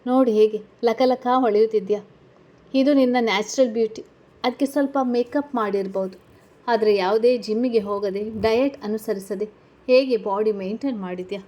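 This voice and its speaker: A woman's voice: fairly high pitch, normal speed, warm tone, lightly acted. A woman voicing a confident, glamorous young female model student in a read-aloud story, talking in a breezy, assured way. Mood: boastful. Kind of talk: storybook character reading.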